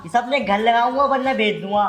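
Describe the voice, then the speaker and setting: A brazen village repairman swaggers and threatens, as a woman plays him. The voice sits a little high, and it echoes in a hard room. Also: a little fast, close to an everyday voice. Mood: threatening.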